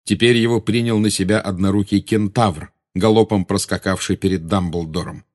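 A man narrating an audiobook in a measured, dramatic reading style. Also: low voice, steady tone.

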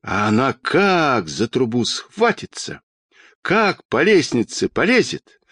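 A chattering little red-haired boy, as a man reading a storybook plays him. He tells his story with excited, drawn-out words and a voice that swoops up and down. The sound is close and dry. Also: mid-range voice, slightly rough, no echo, full character voice.

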